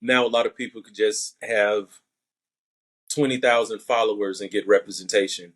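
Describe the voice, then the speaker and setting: Answering interview questions with thoughtful method, the young Southern-accented actor from Alabama sounds lower this time, steady and at a normal speed, still a bit bright. He is a guest on a podcast.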